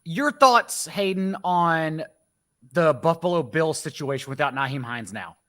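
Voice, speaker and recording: Male show host, brisk and joking, bright slightly high voice. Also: lively intonation. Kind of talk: casual podcast chat.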